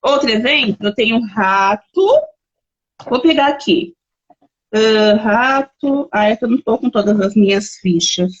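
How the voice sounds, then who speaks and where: This is live-streamed teaching talk from a woman with a Brazilian Portuguese accent, who reads out viewer comments and chats as she offers examples. She speaks at normal speed with lively intonation in a slightly high voice, and the highs are cut off.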